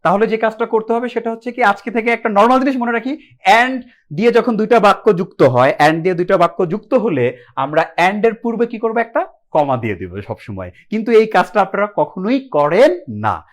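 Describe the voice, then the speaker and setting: A man's voice: sits high, animated, fairly quick. A young man teaching an English grammar class live online, asking the students questions and answering them himself, with English words mixed into his speech.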